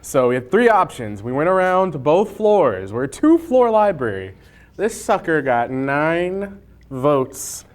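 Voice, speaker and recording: With a slightly high, sing-song voice and a slow pace, a man chats casually as host of a hot sauce challenge interview. He works at a library's information desk, and his phrasing is informal and playful.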